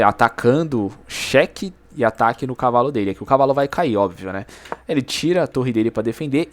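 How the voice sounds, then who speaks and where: Slangy man breaking down a chess game. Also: mid-range voice. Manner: slangy, animated, exclaims over moves. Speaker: chess YouTuber. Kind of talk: game analysis commentary.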